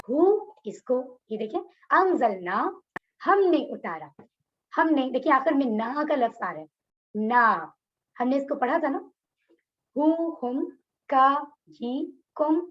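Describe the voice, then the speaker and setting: A woman with a high-pitched voice leads an online Quran lecture by video call, explaining words with patience and asking her students questions. The recording sounds muffled.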